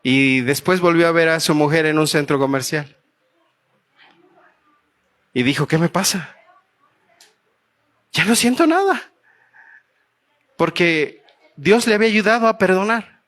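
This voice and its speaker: A man with a Mexican Spanish accent preaches in church, in a fairly high voice. He tells a story in an earnest tone and puts questions to his listeners. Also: lively intonation, measured pace, long pauses, a bit bright. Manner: earnest, asks the congregation questions. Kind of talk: sermon with a told story.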